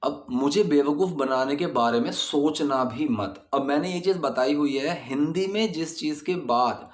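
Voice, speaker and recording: Man, patient English grammar teacher, slow example sentences, roomy echoey sound. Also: fairly high pitch. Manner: explains patiently, repeating example sentences slowly. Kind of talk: explaining grammar in a video lesson. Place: indoors at night, dogs barking outside.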